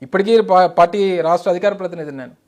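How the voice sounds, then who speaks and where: A middle-aged man, a party spokesman, answering insistently in a heated political interview. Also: high voice. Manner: emphatic, insistent, rapid Telugu-English mix.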